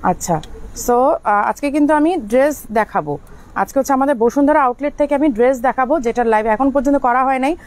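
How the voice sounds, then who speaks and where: A woman's voice: high-pitched, fast. A woman hosting a live clothing sale from inside a shop. She talks in a chatty, repetitive way and stops now and then to direct staff. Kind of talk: live product showcase. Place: indoors in a clothing shop outlet.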